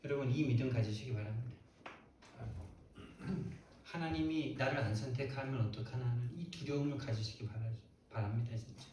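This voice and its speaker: A male pastor preaching a sermon in a church, emphatic and quick to put rhetorical questions to the congregation. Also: mid-range voice, a little mellow, a little hiss or hum. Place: church sanctuary. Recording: very echoey church hall, mic far off.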